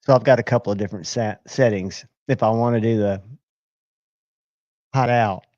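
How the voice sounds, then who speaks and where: A man's voice: fairly low pitch, fairly even intonation, normal speed, darkish tone, no echo, highs cut off. A man hosting a casual live stream, rambling and talking to himself as he checks his screens. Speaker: livestream host.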